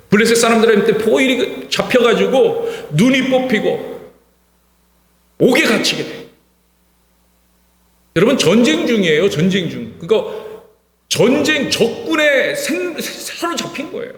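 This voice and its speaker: A male pastor preaching an impassioned sermon in a church, repeating words for emphasis and swinging from hushed to shouting. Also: extremely high pitch, very animated, a little slow. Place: church sanctuary. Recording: reverberant church hall.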